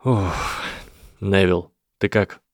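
A man's voice: deep voice, fairly even intonation, drawn-out words, dry recording, studio quality, heavily acted. A man voicing an earnest young boy wizard in an audiobook, speaking plainly and sometimes strained. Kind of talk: audiobook character voice.

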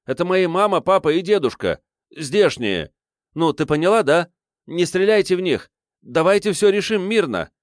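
A man's voice: sits high, sing-song, normal speed, no room sound, studio quality, voice pushed up. A man voicing an agitated young man who pleads and waves his arms in an audiobook. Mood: pleading. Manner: shouting, pleading.

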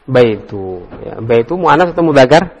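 Teacher quizzing a class, long reverb. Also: male voice, mid-range voice, big pitch swings, moderate pace, vocal fry, slightly rough. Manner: quizzes students in turn, explains patiently, jokes and laughs. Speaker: religious teacher. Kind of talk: classroom Arabic grammar lesson. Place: classroom study circle.

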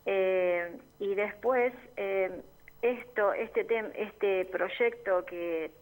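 An Argentine woman who belongs to a neighborhood assembly explains her group's work during a community radio studio interview. She speaks Argentine Spanish at a very slow pace and a medium pitch, earnest and explanatory, with frequent fillers. The recording quality is low.

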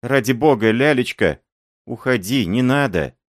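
Man voicing an anxious old lady, gently raised pitch, storybook reading. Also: expressive, measured pace, no echo, studio quality, close to an everyday voice. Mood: fretful. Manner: pleading, fretful. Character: frightened genteel old lady.

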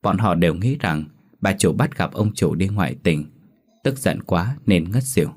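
A man's voice: low voice, expressive, normal speed, a little mellow. A man narrating a scripted horror story and voicing every character himself. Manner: plays all the characters himself.

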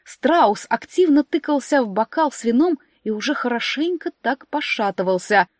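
A woman reading a story aloud as narrator, animated and shifting her voice for dialogue. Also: normal speed, no echo, studio quality. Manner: animated, raises pitch and volume for dialogue. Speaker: audiobook narrator.

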